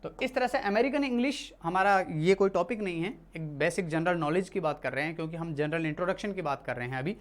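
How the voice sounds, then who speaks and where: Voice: mid-range voice, fast talker, hardly any pauses. A teacher from India giving a classroom lesson, explaining patiently and often repeating and correcting themselves. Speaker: English teacher.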